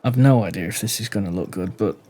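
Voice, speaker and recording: While mulling over a game build aloud, this YouTuber poses questions to his audience. He's a man commenting casually, his voice kept intentionally soft and low.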